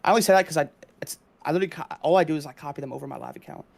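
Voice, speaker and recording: A man's voice: on the high side, racing, vocal fry, darkish tone. A young man giving casual livestream trading commentary, explaining things and repeating himself as he goes. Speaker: live trading streamer.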